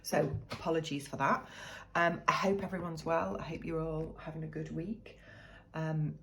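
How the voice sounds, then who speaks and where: A low-pitched woman with a steady tone and a slightly bright quality speaks at a moderate pace on poor-quality audio. She's a British budgeting vlogger with a cold, chatting and thinking aloud as she counts money into envelopes.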